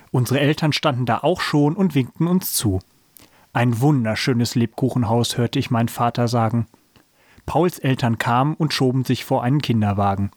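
Man reading a kids' story with expression, dry close sound, mid-pitch voice. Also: no room sound. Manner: expressive, amused reader. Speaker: podcast host reading a story. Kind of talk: storybook reading aloud, then casual chat.

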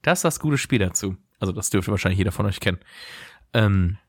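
Low-voiced, dry male podcaster. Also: expressive, quick pace, no echo. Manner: dry, teasing. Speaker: podcast co-host. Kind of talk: casual podcast chat.

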